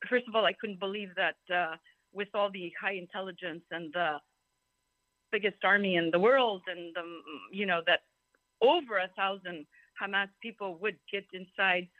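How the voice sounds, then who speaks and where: Speaking at a symposium, this Greek woman offers an informal personal testimony that wanders off on tangents, delivered in a chatty, emphatic manner. Her mid-range voice comes through dry, over narrow, telephone-like call audio.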